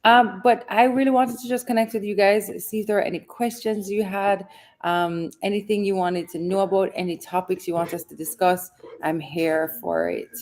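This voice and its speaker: A woman's voice: mid-range voice, normal speed, a little mellow. A Jamaican woman in her forties hosting a casual livestream from home, chatting upbeat and reading viewer comments. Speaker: host.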